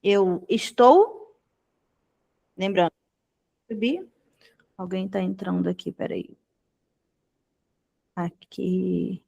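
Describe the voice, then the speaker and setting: A woman's voice: fairly low pitch, steady tone, vocal fry, warm tone, husky, muffled recording. A young adult woman from Brazil teaching an online English class over a video call, explaining patiently and checking in often with the students. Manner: explanatory, frequent "tá?" checks, repeats phrases slowly.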